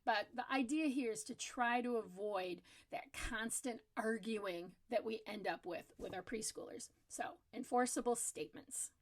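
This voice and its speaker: A woman's voice: on the high side, unhurried, hardly any pauses, slight background noise. A middle-aged woman giving parenting tips as the host of her own advice channel, talking casually to the camera in an earnest, explanatory way and repeating words for emphasis.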